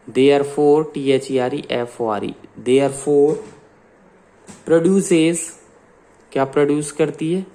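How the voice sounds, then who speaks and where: An Indian-accented male science teacher dictates class notes slowly, spelling words out letter by letter as he switches between Hindi and English. His voice sits a little high and sounds mellow.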